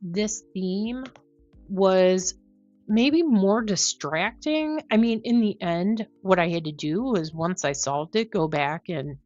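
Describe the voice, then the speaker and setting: A woman thinking out loud in casual commentary on a puzzle, musing and questioning herself as she explains. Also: mid-range voice, lively intonation, slow, dry recording, dull audio, faint music behind. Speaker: host of a crossword solving video.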